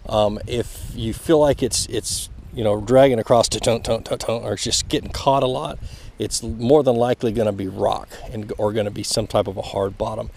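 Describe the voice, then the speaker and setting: A young man hosting a fishing vlog, explaining his technique in a relaxed way while casting from a pond bank, recorded on a head-mounted camera outdoors. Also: fairly low pitch, normal speed, vocal fry. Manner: relaxed, explaining as he fishes, chuckling. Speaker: fishing channel host. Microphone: head-mounted action camera. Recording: outdoor camera mic with faint background noise.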